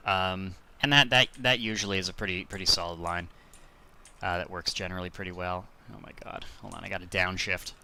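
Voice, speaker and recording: A man's voice: fairly low pitch, pushed and bright, clear, resonant tone. A man streaming a driving game, chatting casually and telling rambling jokey stories to his viewers. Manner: rambling, jokey, self-deprecating. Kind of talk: casual gameplay commentary.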